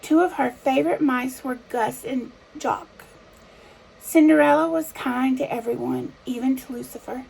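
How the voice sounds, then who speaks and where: High, creaky woman telling a fairy tale. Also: steady tone, darkish tone, poor audio. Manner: fairy tale opening storytelling, measured and simple for small children. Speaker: storyteller. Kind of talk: children's story read-aloud narration.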